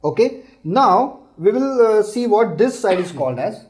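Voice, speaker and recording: A man's voice: sits high, animated, moderate pace, rough recording. A man teaching a Hindi lesson, explaining patiently and repeating words syllable by syllable. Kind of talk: language lesson.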